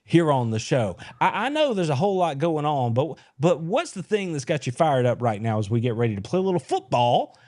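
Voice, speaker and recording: Man, sports podcast host, casual banter, somewhat high voice, lively swooping pitch. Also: a little fast, hardly any pauses. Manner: animated, folksy, teasing banter. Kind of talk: casual live-stream sports chat.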